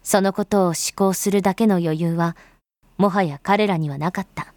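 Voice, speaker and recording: A woman with a lowish, slightly mellow voice delivers scripted dramatic narration at a moderate pace, lightly acted and free of echo. Her role is a grave storyteller telling of a bloody uprising in solemn, literary language.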